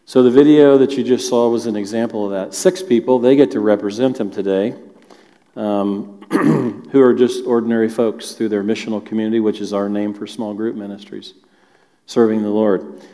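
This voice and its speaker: Speaking at a moderate pace in a low, steady, dark-toned voice, this man is a church elder hosting a stage interview. He jokes warmly with his guests, and the auditorium gives the audio a reverberant sound.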